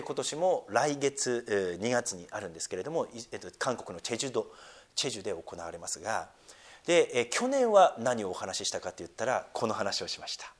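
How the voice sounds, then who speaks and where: A middle-aged man preaching a sermon, dropping to near-whispers and then rising to loud, emphatic lines, reading scripture slowly and deliberately. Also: medium pitch. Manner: slow, drawn-out scripture reading. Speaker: pastor.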